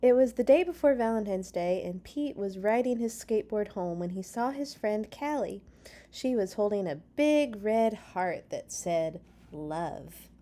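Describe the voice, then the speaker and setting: Addressing her young audience directly, a storytime host reads from a picture book in an expressive manner. She has a medium-pitched voice and reads at a normal speed.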